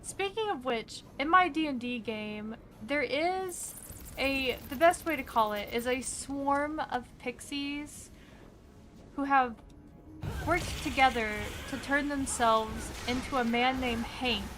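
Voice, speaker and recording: Slow-talking giggly woman streamer. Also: high voice, fairly bright tone, soft background music. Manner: chatty, giggly, talks to game characters. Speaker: game streamer. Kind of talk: casual gameplay commentary. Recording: game sound noise behind.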